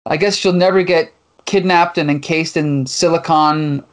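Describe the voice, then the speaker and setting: Host type: chatty man from Canada, somewhat high voice, lively retelling. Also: moderate pace. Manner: animated, reads comic lines in playful voices. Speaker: podcast co-host. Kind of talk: casual chat retelling a comic.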